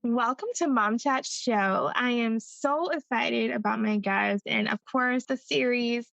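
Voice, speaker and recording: Gravelly-voiced woman hosting a podcast. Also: a little high, measured pace, a bit bright, no room sound, dull audio. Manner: upbeat, chatty, conversational. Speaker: podcast host. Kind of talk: casual interview chat.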